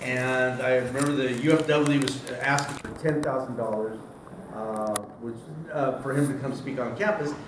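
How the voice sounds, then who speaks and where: A man's voice: mid-range voice, fairly even intonation, moderate pace, background noise. Middle-aged man telling rambling stories. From San Diego, California. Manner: digressive, chuckles at his own stories. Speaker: editorial cartoonist giving a talk. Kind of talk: rambling anecdotal talk. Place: convention hall. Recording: roomy hall, distant mic, faint ambience.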